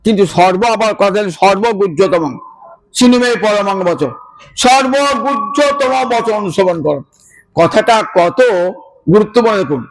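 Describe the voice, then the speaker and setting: A man's voice: high-pitched, lively intonation, moderate pace, low-quality recording. A man with a Bengali accent giving a devotional discourse, chanting verses and explaining them with emphatic repetition. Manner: emphatic, repeats phrases. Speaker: Gita preacher.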